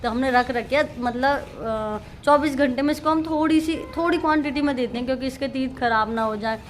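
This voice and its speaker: With slight background noise, a woman with a high voice talks at a moderate pace to her viewers. She is a mother recording a casual family vlog on a handheld phone, at home and later up on the rooftop.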